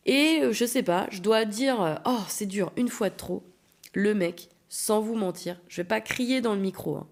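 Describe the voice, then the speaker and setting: Woman, podcast host, casual storytelling, blunt, animated, low gravelly voice. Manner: blunt, animated, acts out quotes.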